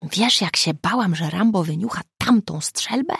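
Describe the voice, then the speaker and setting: A woman's voice: fairly low pitch, animated, moderate pace, creaky, breathy edge, no echo, studio quality, exaggerated voice. A woman reading the lines of an eager, chatty woman friend in an audiobook.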